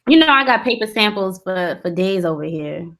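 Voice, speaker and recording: A woman's voice: medium pitch, lively intonation, moderate pace, fairly bright tone. A woman shop owner on a live stream, explaining things in a matter-of-fact way. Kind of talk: casual chat on a live stream.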